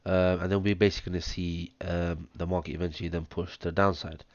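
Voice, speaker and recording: Hoarse low-voiced man talking through charts. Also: flat delivery, fast, dry recording, highs cut off. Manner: talks step by step through wave counts, many ums. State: hoarse, chesty cough. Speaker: trading analyst. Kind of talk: screen-share chart analysis. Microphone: close mic, audible breathing.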